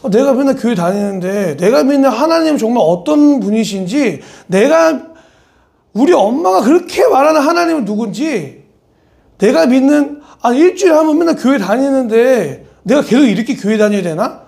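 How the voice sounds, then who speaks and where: A male pastor preaching an animated, conversational sermon at a church service, switching between polite address and blunt casual talk and speaking straight to his listeners. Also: very high voice, normal speed, vocal fry.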